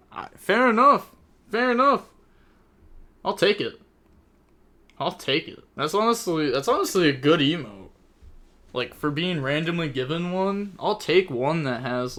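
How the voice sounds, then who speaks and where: A man's voice: on the high side, a bit bright. A young man casually commentating a card game tournament on a live stream, chatty and thinking aloud, repeating phrases and laughing often.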